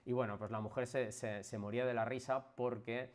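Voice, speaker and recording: A man from Spain with a Spanish accent, talking to his viewers on a live stream about exercise and recovery. He is energetic and emphatic, throwing out loud bursts and then dropping into soft asides. His delivery is casual and chatty, in a middle register. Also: mid-range voice, brisk. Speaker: physiotherapist hosting a live stream.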